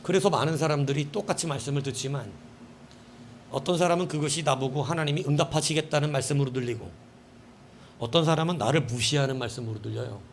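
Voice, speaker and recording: A man pastor preaching a night-service sermon, emphatic, acting out imagined dialogue and swinging between loud outbursts and hushed asides. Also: fairly high pitch, quick pace, slight background noise. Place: church.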